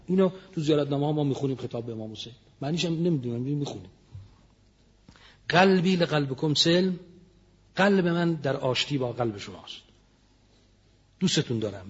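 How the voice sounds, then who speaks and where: A man preaching a religious sermon. He slowly intones lines of Arabic prayer and then explains them. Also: a little high, slightly rough, lo-fi sound.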